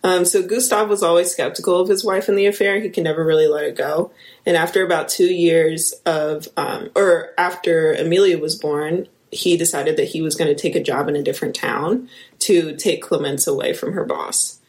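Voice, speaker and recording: Woman, Midwestern accent, lower register; casual true-crime podcast narrator, loose and chatty. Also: fairly even intonation, normal speed, a little mellow. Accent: Midwestern American. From American Midwest. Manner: reads case notes with filler ums and asides. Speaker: podcast co-host, lead investigator.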